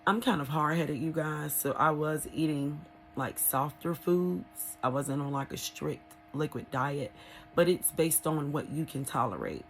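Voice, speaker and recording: A woman talking casually and candidly in an unscripted personal vlog, rambling a little with hesitant pauses. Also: deep voice, slight background noise, poor audio. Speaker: vlogger sharing a recovery experience.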